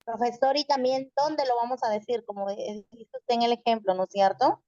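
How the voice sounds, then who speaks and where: A woman with a fairly high but mellow, dark-toned voice reads a definition aloud carefully and asks her teacher about it. The sound is dull and lo-fi, with no room echo at all. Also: fairly even intonation, normal speed. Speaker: student in the class. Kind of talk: reading a definition aloud, then asking the teacher a question.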